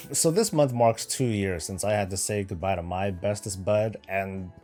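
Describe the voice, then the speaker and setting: A man from Northern California, of Filipino heritage and raised in the US, hosts a gaming channel and casually answers viewer questions with joking, sarcastic asides, sounding candid. His voice is on the low side with a darkish tone and a measured pace, over soft background music.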